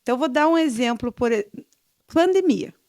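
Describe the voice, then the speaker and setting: A woman's voice: high-pitched, lively intonation, brisk, darkish tone, no room sound. Chatty woman podcast host, dry sound. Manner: chatty, storytelling. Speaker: podcast host, clinic professional. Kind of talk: podcast interview.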